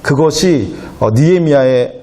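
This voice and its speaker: Male pastor, sermon to a youth congregation, rhetorical questions, fairly high-pitched, roomy church sound. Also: unhurried, warm tone. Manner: rhetorical questions to the congregation, acting out quoted speech. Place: church sanctuary. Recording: echoey church hall with faint ambience.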